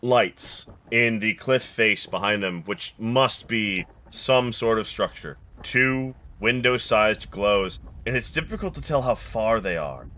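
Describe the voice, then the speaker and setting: A man narrating a tabletop game as game master, with ornate, deliberate, dramatic storytelling. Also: fairly low pitch, expressive, bright, forceful tone.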